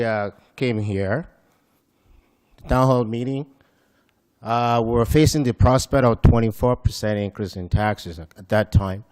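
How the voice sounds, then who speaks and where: A man's voice: medium pitch, a little mellow, smooth. A man giving public comment at a town council meeting, hesitant with many fillers, asking questions about the budget. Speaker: citizen speaking at council meeting. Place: council chamber.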